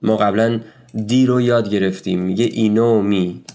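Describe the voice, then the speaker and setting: Male language tutor, low register, relaxed explanatory delivery that breaks things down step by step. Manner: explains step by step, translating each word; conversational, with rhetorical questions. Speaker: Italian language teacher. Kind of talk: casual video lesson.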